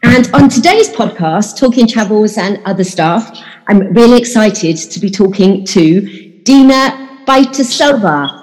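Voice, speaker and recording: A woman's voice: mid-range voice, expressive, measured pace, a little mellow, big-room sound. A woman hosting a podcast interview, talking in an enthusiastic, chatty way. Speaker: podcast host.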